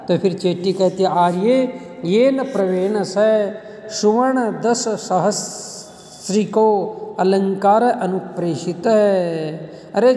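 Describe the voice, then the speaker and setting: A man teaching a classical play, reading each line and then explaining it plainly, sometimes chanting verse in a slow sing-song. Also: high-pitched, dark tone. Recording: echoey room with long reverb.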